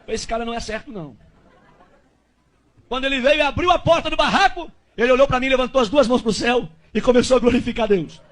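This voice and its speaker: A male pastor preaching a testimony with a very high voice. He tells it fast and animated, acting out the people in the story as he goes. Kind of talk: sermon testimony.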